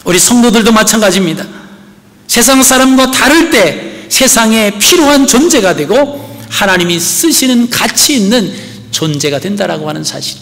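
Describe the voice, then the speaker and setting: A man's voice: sits high, expressive, moderate pace, creaky, a bit bright. A man preaching a sermon as pastor, earnestly asking the congregation rhetorical questions. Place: church sanctuary. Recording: long church hall reverb.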